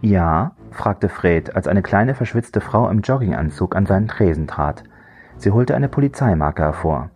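A man narrating a crime thriller audiobook in a measured, dry storytelling voice. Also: low voice, animated, a little mellow, soft background music.

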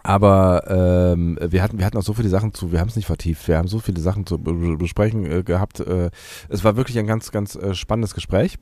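A man hosting a podcast in casual chat, congested from a cold with a blocked nose and sore throat, talking haltingly with stammered restarts. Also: low voice, fairly even intonation, darkish tone, no room sound. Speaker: podcast host.

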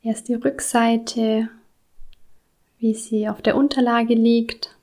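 A woman guiding a body scan meditation, speaking softly and soothingly, with some words in a breathy whisper. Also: a little high, level tone, takes it slowly. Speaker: meditation guide.

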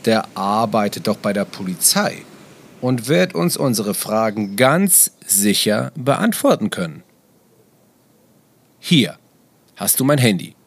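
A man plays a gentle father in a children's audio story. He talks softly and without hurry, hesitating a little as he reassures and advises. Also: lowish voice, big pitch swings, takes it slowly, long pauses, slightly rough, exaggerated voice. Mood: calm, advising. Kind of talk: children's educational audio play.

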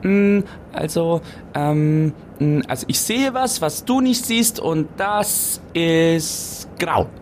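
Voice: mid-range voice, expressive, slow pace. An adult performer voicing a nagging, insistent eight-year-old boy in a radio comedy sketch, with faint noise behind.

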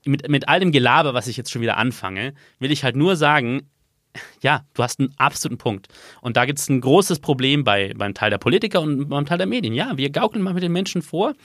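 Man, podcast guest, animated, rambling explainer, medium pitch, dry close mic. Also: a little fast, no room sound. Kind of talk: casual explanatory conversation.

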